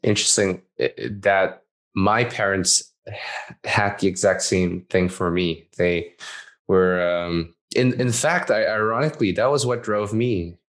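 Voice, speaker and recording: A man's voice: low voice, unhurried. A man from Malaysia hosting a casual podcast interview, hesitant, with restarts and fillers. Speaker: podcast host.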